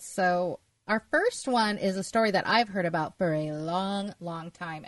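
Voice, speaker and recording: A woman's voice: mid-range voice, no echo, distant mic. A woman hosting a podcast, recapping a case in a chatty, storytelling way with casual fillers. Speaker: podcast host.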